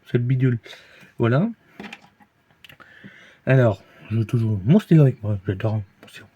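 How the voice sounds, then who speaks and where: A man with a Belgian French accent talks through a beer review in an easygoing, meandering way, stumbling over words and circling back on himself. His voice sits at an ordinary middle pitch for a man. The recording is somewhat dull and lo-fi, as if captured at home. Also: moderate pace, dark tone, a little hiss or hum. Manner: hesitant, rambling, many fillers and restarts. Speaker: vlogger reviewing beers. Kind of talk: casual rambling review.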